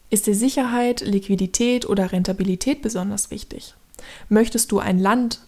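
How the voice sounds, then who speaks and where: In a warm, mid-range voice, a woman of thirty hosts a podcast with scripted, explanatory narration. Her delivery is structured, and she speaks straight to the listener, telling them what to do.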